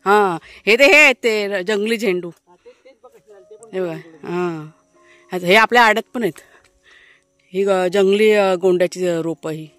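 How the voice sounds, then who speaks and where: A woman vlogger with a medium-pitched, slightly bright voice chats casually with viewers while showing off a village garden outdoors. Her narration is loose and full of fillers.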